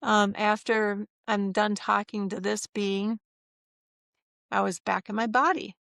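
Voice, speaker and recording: A middle-aged woman with a gravelly, fry-touched voice tells a personal story in a relaxed interview. She is animated, breaking into the voices of the people she quotes. The recording is close and dry. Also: medium pitch, slow pace, no room sound. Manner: animated, acts out quoted voices, laughs often. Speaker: interview guest.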